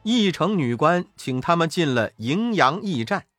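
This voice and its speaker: A man narrating a children's story in a lively, expressive way. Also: fairly high pitch, measured pace, no echo, faint music behind.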